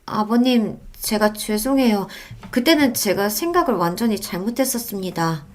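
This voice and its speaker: A woman's voice: sits high, very animated, a little fast, a bit bright, voice pushed up. A woman voicing a defensive young wife who talks in a whiny, pleading way. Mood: apologetic.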